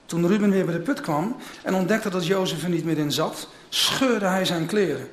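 High-voiced man reading scripture in an echoey hall. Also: moderate pace. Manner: reads with dramatic voices for the quoted speakers. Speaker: preacher. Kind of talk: reading scripture aloud, then sermon. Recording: echoey room.

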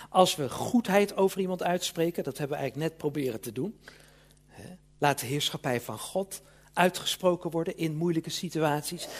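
Male preacher, fairly high and husky voice, earnest and emphatic sermon delivery.

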